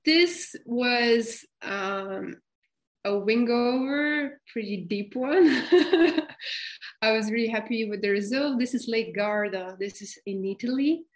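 Slow-talking woman, hesitant. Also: on the high side, low-quality recording. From Bulgaria. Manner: hesitant, many fillers and restarts, laughs often. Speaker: guest. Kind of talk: casual interview chat.

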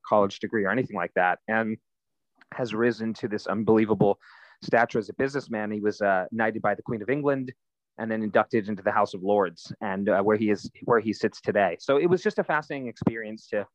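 A man in his thirties talks through his background at an unhurried, conversational pace. He fills pauses with easy fillers as he tells his story. His voice comes through a dry, somewhat dull recording. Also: on the low side, no room sound. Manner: relaxed storytelling, frequent fillers. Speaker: guest, nonprofit founder. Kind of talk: conversational interview answers.

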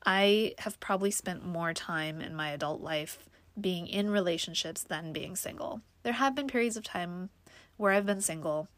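In her casual personal vlog, a young woman speaks at a moderate pace in a lowish, slightly bright voice with no echo. Her allergies have her congested, and she muses reflectively to viewers, peppering her talk with "um" and "like".

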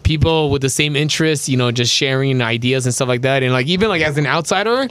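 A man's voice: medium pitch, quick pace, a bit bright, smooth, dry recording. A man co-hosting a casual chat in chummy slang, dropping in bits of Spanish. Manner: chummy, slangy, says dude often. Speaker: podcast co-host.

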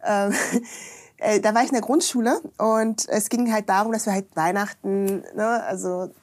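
A woman guest on a podcast, chatting casually and telling lively stories that act out what people said. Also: medium pitch, moderate pace. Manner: lively storyteller, acts out quoted dialogue, frequent tag questions.

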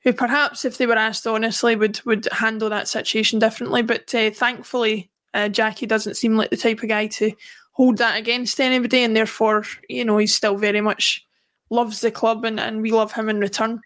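A woman co-hosting a football podcast, talking in a casual, measured way. Her voice sits a little high for a woman. She weighs up players one by one, listing names steadily. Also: little pitch movement, fairly bright tone. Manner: measured, runs through lists of players. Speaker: podcast co-host.

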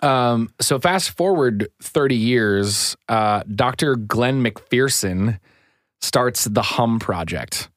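A man's voice: mid-range voice, lively intonation, slow, no room sound, studio quality. A man co-hosting a podcast in casual chat, joking and a bit self-deprecating. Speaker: podcast co-host.

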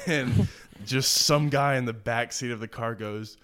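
A man's voice: medium pitch, takes it slowly, fairly bright tone, no room sound. A young man in his twenties, a pro football player, chatting casually and telling stories with lots of fillers and laughs. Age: 20s. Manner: laid-back, many fillers, laughs while telling stories. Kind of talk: casual chat, storytelling.

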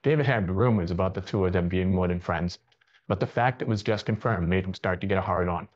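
Brief: low-pitched male storyteller, steady read, muffled lo-fi sound. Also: brisk. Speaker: narrator. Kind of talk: reading a story aloud.

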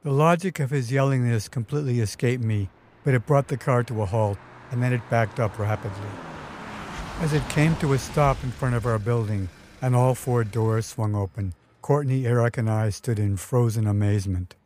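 A man's voice: mid-range voice, moderate pace, a little mellow, slight background noise. A man narrating his own memoir story in a vivid, wry storytelling manner. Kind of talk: first-person memoir narration.

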